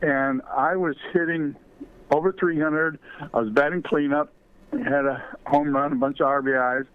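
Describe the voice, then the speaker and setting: A man's voice: on the high side, steady tone, moderate pace, smooth. An older man, a former ballplayer and author, telling rambling baseball stories with many fillers as an interview guest. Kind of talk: storytelling in a podcast interview. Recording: tinny phone line.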